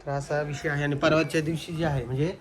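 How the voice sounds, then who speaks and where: A woman's voice: deep voice, little pitch movement, fast talker. A young woman, chatting to viewers in a family vlog while coaxing and scolding children. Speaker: family vlogger. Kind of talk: casual family vlog talk.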